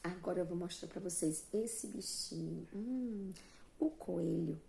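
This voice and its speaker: A woman's voice: fairly low pitch, a little slow, creaky, warm tone, slight background noise. A Brazilian woman teaching young children, explaining patiently and spelling out words one syllable at a time. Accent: Brazilian Portuguese. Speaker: primary school teacher. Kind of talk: slow, sing-song online class for young children.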